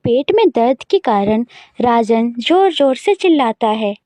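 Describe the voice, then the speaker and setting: A woman narrating a children's cartoon moral story in an expressive storytelling manner. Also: a little high, a little slow, no echo.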